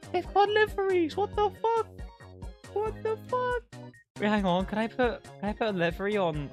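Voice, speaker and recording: A man's voice: very high-pitched, fairly bright tone. A young man streaming live to his chat over a headset mic. He talks casually, swears freely and speaks straight to his viewers.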